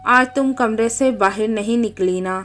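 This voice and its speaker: A woman voicing a gentle, patient middle-aged mother in a read-aloud story, speaking soothingly. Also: a little high, a little slow, soft background music. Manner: soothing and conciliatory.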